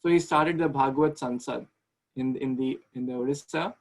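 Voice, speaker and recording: A thirties-aged man speaks at a moderate pace and medium pitch while teaching a devotional class online, his webcam audio rough. Working from a small indoor room with a ceiling fan, he talks conversationally, asks questions, and frequently repeats or restarts words.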